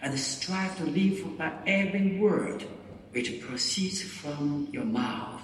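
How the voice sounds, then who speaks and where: A priest, a man with a fairly high voice, intones prayers and a sung blessing at a deliberately slow, solemn pace. He is heard from far off in a large church, wrapped in a heavy cathedral echo with faint organ music behind him. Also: a little hiss or hum. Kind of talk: liturgical prayer and chanted blessing. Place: large church during Mass.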